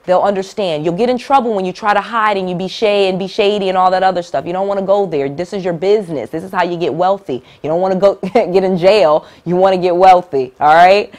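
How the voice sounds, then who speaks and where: A woman's voice: on the low side, fast talker, hardly any pauses, darkish tone. A middle-aged woman teaching real estate investing to camera, emphatic and direct, repeating key points and checking in with "all right?".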